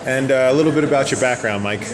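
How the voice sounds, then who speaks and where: A man interviewing attendees at an event, encouraging and quick with small acknowledgements. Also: medium pitch. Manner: encouraging, frequent backchannels. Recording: echoey convention hall with crowd.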